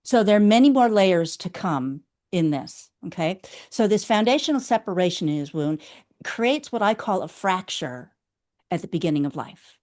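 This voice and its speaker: A woman's voice: on the low side, expressive, normal speed, a little mellow. A woman guest in an interview, explaining her theory in a teacherly way and checking in often with the listener. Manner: teacherly, checks in with a frequent "okay?". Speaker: guest, inner critic specialist.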